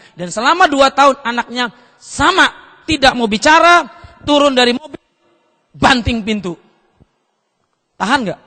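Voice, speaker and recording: A man preaching a seminar sermon, pitched high with a bright, forceful tone. He keeps the audience involved by asking rhetorical questions as he tells his story. Long reverb from the hall trails behind his voice. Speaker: pastor.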